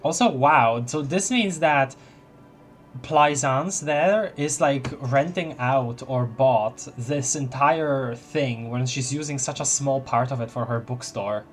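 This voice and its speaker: A man streaming a game with casual live commentary, reacting and reading on-screen text aloud in a halting way. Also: mid-range voice, soft background music.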